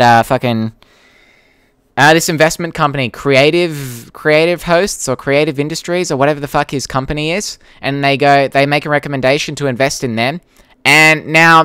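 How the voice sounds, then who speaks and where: In a casual live Q&A, a young Australian YouTube creator chats with viewers and reads out their comments in a blunt, informal, sweary style. His medium-pitched voice sounds pushed and bright, with a clean tone and clean studio sound free of echo.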